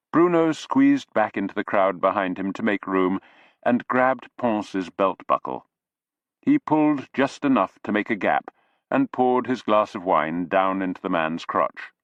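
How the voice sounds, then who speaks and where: A man narrating an audiobook in an even, steady reading style. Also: fairly low pitch, dry recording, dull audio. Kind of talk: scripted narration.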